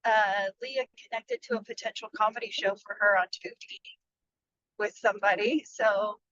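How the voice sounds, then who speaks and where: A woman's voice: mid-range voice, moderate pace, a bit bright. A woman filmmaker chatting on a video call over her car speakerphone while driving on the freeway, chatty and rambling. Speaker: filmmaker and producer. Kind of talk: casual video-call chat. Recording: dull lo-fi speakerphone line from a moving car.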